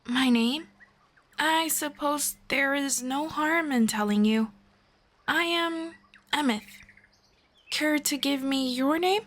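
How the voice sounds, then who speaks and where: In a heavily acted ASMR fantasy roleplay, a woman with a high voice plays a calm, friendly forest elf. She speaks in a measured way, playful and lightly sarcastic.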